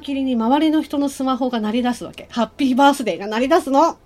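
高い声で夢中に語る女性. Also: female voice, high-pitched, racing, faint music behind. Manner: gushing, excitable storytelling. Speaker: podcast co-host. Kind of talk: casual chat.

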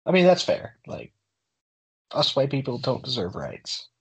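A man's voice: mid-range voice, huge pitch swings, measured pace, gravelly, husky. A man co-hosting a casual podcast, chiming in with easygoing replies. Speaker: podcast co-host.

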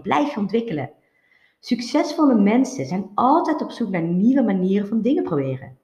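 A woman talks through a motivational monologue in an earnest coaching tone, her pitch rising and falling in lively swings. She slips English buzzwords into her sentences. The sound is roomy and a bit dull. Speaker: self-development speaker. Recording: roomy, slightly dull recording.

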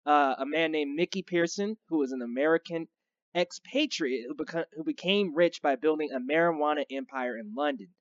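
A man hosting a casual movie review chat, with a relaxed, laid-back delivery. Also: a little high, a little fast, no room sound, dull audio. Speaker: film review show host.

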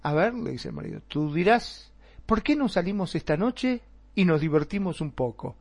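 A man with a high voice fumbles for words before telling a joke. He pauses often and keeps a joking tone. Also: big pitch swings, a little mellow. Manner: hesitant, joking. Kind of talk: casual radio chat, telling a joke.

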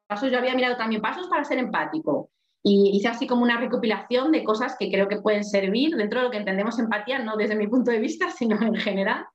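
Woman, strong voice, expressive chat, dull lo-fi roomy recording. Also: fairly high pitch. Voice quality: strong, loud voice. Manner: expressive, thinking aloud with restarts. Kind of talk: casual group discussion. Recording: echoey, dull lo-fi sound.

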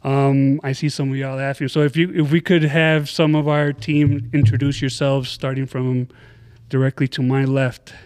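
A man's voice: medium pitch, normal speed, clear, resonant tone. A man hosting a casual college sports podcast, asking loose, rambling questions with many fillers. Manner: relaxed, filler-heavy questions. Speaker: podcast host. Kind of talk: casual interview chat.

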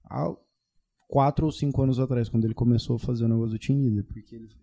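A man's voice: medium pitch, fairly even intonation, quick pace, vocal fry, dark tone. A young man in casual chat, telling stories with slang and swearing freely. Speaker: podcast co-host.

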